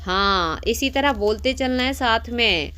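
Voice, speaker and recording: Bright-voiced woman teaching Sanskrit slowly. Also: fairly high pitch, lively intonation, smooth. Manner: coaxing, asks pupils to repeat after her. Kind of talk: classroom lesson for schoolchildren.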